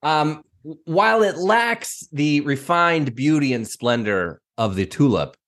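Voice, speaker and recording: Lively, witty man guesting on a talk. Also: on the high side, a little slow. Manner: animated, witty storytelling. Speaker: guest, tour business owner. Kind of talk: casual conversational interview.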